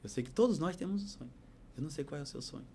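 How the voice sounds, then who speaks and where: A man's voice: on the high side, expressive, very fast, creaky, mellow, slight background noise. A man, a podcast guest telling his life story as a heartfelt, preacherly testimony. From Bahia, Brazil.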